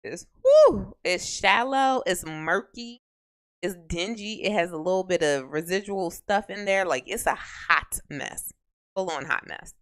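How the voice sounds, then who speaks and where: A woman's voice: on the low side, measured pace, a bit bright, clear, resonant tone. An American woman in her thirties co-hosting a podcast in casual live-stream chat. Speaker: podcast co-host.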